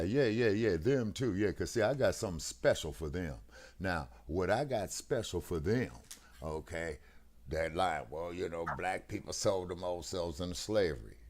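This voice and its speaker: A man's voice: low-pitched, sing-song, normal speed, a little mellow. A man talking over a video call through a headset. He speaks emphatically, in a preachy way, and keeps checking "you see what I'm saying?". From United States. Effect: heard over a video call, connection breaking up. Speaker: co-host of a talk stream. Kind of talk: casual political discussion.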